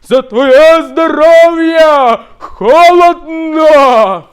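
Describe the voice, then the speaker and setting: A man voicing a hapless, tipsy hunter friend who shouts in long drawn-out cries and stammers. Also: high voice, smooth. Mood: tipsy shouting.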